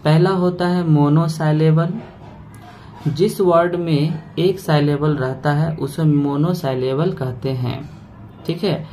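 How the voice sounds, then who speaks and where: A man teaching a grammar lesson. He breaks words into parts slowly and keeps checking in with "okay" after each point. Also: on the high side, steady tone, warm tone, slight background noise.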